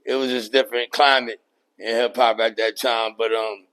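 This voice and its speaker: A man's voice: mid-range voice, little pitch movement, moderate pace, a bit bright, smooth, low-quality recording. Laid-back New man, casual interview. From New York. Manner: laid-back, many fillers like "you know what I mean". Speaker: podcast guest, rapper and producer.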